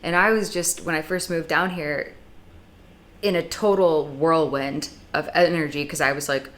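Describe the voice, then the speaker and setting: A woman's voice: low-pitched, fairly even intonation, normal speed, a bit bright. A young adult woman from the United States giving blunt, sarcastic advice in a casual vlog monologue, with dramatic asides. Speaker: YouTube vlogger.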